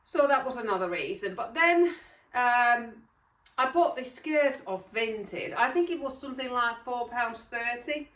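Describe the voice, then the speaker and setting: A woman's voice: fairly high pitch, expressive, a little slow, a bit bright. A middle-aged woman from Finland, chatting casually about her knitting as a podcast host, rambling a little with frequent ums and self-corrections. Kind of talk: casual chat. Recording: roomy echo, mic at a distance.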